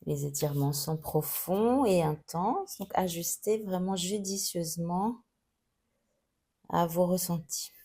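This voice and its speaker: A woman teaching a yoga class, giving calm, gently guiding cues through each pose. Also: fairly low pitch, slow. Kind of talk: guided yoga instruction.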